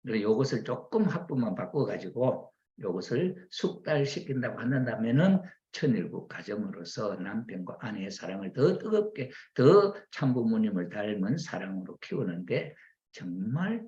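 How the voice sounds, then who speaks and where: A man preaching to his congregation, often acting out lively family dialogue as examples. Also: deep voice, dull audio. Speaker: church minister. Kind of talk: sermon commenting on members' reports.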